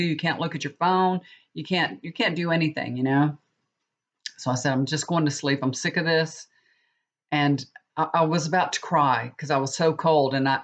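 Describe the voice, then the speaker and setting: Stuffy and sniffly with a cold, a middle-aged Texan woman who reads tarot chats and rambles casually to her viewers, frequently starting over. Her voice is low with a fairly bright tone, and the recording is dull and lo-fi.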